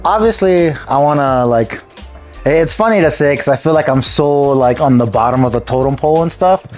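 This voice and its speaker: A man's voice: fairly high pitch, normal speed, a little mellow, soft background music. A man in his thirties from Hawaii, a guest in a casual interview, easygoing and filling his talk with "like". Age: 30s. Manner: easygoing, laughs often, says like a lot. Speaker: guest fighter.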